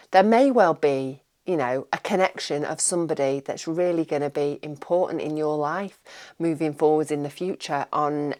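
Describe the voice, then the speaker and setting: Woman, lowish voice, tarot reader, casual rambling monologue, repeats words, reassuring.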